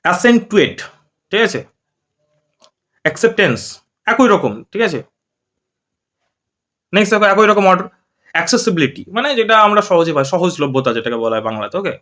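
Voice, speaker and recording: Male teacher, high voice and a fast pace, drills spelling letter by letter. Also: big pitch swings, pushed and bright. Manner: repeats words slowly, spells them out letter by letter; asks learners for agreement again and again. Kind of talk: online spelling and pronunciation lesson.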